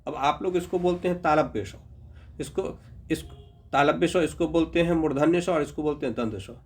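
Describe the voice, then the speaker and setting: Patient male grammar teacher, slightly high voice. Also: a little mellow. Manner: patient, repeats sounds slowly, checks in with "ठीक है"; addresses viewers as "Babu". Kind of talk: explanatory lesson.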